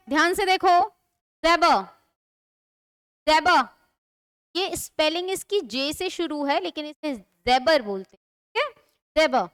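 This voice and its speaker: A female English teacher explains each word with patient repetition, often posing a question and answering it herself. Her voice sits high and unhurried. The sound is dry and close, with little room around it. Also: fairly bright tone, no echo. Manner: explains slowly, repeats words and asks questions of the students. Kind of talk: classroom lesson in Hindi mixing English.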